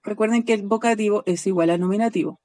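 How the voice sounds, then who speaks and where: A woman teaching a recorded online class, patiently spelling out word endings and checking in with a quick "ya?" after nearly every line. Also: medium pitch, dark tone. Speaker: Greek teacher.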